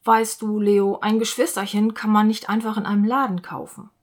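A caring, patient mother mouse from a children's storybook, read by a woman. She explains things in a soft, patient tone. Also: medium pitch, little pitch movement, normal speed, lightly acted.

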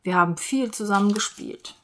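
A woman voicing a kind, tired father mouse in a storybook reading, speaking calmly and gently. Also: medium pitch, normal speed, lightly acted. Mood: gentle.

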